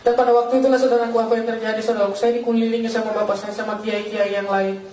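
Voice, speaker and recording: Fast-talking preacher man in an echoey hall. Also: high voice, little pitch movement, a little mellow, recorded from a distance. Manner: fervent storytelling, repeatedly addresses listeners as brothers. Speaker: pastor giving a testimony. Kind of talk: testimony sermon.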